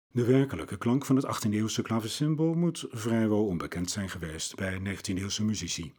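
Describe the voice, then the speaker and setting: A man narrates a scripted talk on classical music in a measured, lecturing manner. His voice sits low and sounds slightly husky, and his pitch moves in wide, expressive curves. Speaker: podcast presenter on music.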